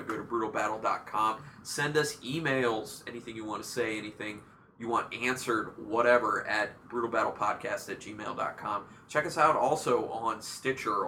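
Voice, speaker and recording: A man hosting a casual beer-tasting podcast, chatting in a rambling way with quick asides. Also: fairly low pitch, pushed and bright, a little hiss or hum. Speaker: podcast host.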